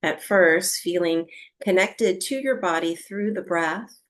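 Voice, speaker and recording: This is a woman coaching breathing exercises, her relaxation guidance gentle and leisurely with extended gaps between lines. Her pitch is lowish.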